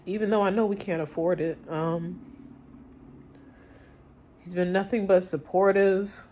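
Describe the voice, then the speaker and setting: A woman speaking candidly in a personal vlog, confiding and reflective, with halting phrases and pauses. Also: on the low side, fairly even intonation, mellow, a little hiss or hum. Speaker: vlogger.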